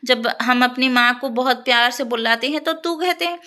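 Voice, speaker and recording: A woman teacher explaining a poem line by line in a lesson, checking in with her listeners and reciting the verses slowly. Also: high voice, bright, forceful tone. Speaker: Hindi teacher.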